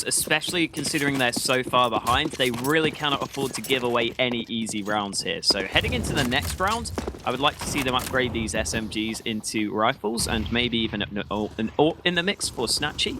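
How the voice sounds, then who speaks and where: A man working as an esports caster, giving analytical commentary on a live match and explaining tactics with his own opinions. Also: medium pitch. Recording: clear background noise with clicks.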